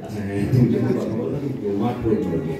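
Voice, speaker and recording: Fast-talking man in a very echoey hall. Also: lowish voice, expressive, over a noisy crowd. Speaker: puppeteer, straight man. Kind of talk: comic stage dialogue with a puppet. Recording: very echoey hall, distant mic, audience.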